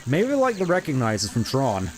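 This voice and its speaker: A man's voice: medium pitch, huge pitch swings, moderate pace, darkish tone, a little hiss or hum. A man giving casual live game commentary as a streamer, musing and rambling wryly. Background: game music.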